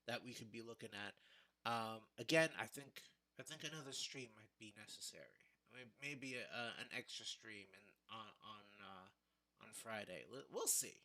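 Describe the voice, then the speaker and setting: A tired man hosting a casual reaction livestream, speaking haltingly and often repeating words. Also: medium pitch, pushed and bright. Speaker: livestream host. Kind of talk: casual trailer reaction stream.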